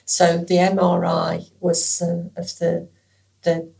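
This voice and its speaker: A low, gravelly woman in her sixties talks in a flat, even tone. She speaks softly and hesitantly, with plenty of fillers, as a retired nurse being interviewed. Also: slow. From England. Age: 60s. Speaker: interviewee, former nurse and carer. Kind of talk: conversational interview.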